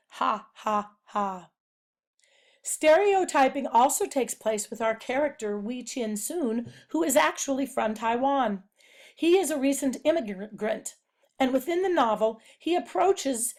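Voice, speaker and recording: High-voiced woman explaining a novel. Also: darkish tone. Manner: measured, explanatory, reads quotes aloud. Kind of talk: narrated literary analysis presentation.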